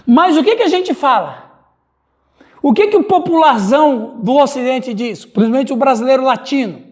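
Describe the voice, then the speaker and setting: A man's voice: very high-pitched, animated, normal speed. A male pastor with a Brazilian Portuguese accent, teaching a Bible study and calling on listeners by name.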